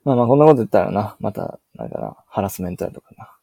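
Kansai-accented guy in his 20s, podcast co-host: low, gravelly, mellow, easygoing. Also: wildly swooping pitch, quick pace, no room sound. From Kansai, Japan. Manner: laid-back, agreeable, drawling fillers. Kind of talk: casual podcast chat.

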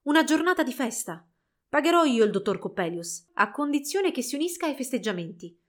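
A genial town mayor declares a festive day in a raised, declaiming voice, as a woman plays him. He sounds decisive and public. The voice sits high. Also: big pitch swings, fairly quick, a bit bright.

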